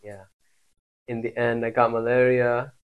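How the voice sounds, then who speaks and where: A man's voice: mid-range voice, monotone, measured pace, clear, resonant tone, phone-quality sound. A young man from Morocco, a podcast guest telling stories loosely and casually, with lots of filler "like". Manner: loose storytelling, heavy on filler "like".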